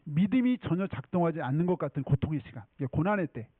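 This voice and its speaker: Animated high-voiced male pastor. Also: quick pace, no echo. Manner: chatty storytelling with frequent checks on the congregation. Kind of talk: sermon. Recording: tinny phone-like dry sound.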